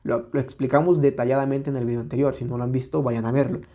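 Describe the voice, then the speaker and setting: A man with a Mexican Spanish accent teaching an exam-prep lesson, patiently explaining step by step and sounding words out slowly. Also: mid-range voice, fairly even intonation, warm tone.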